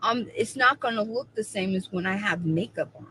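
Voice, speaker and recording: A woman's voice: mid-range voice, moderate pace, pushed and bright, slight background noise, rough recording. A woman in her forties chatting casually on a livestream, emphatic and repeating her points for effect. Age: 40s. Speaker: co-host of a livestream.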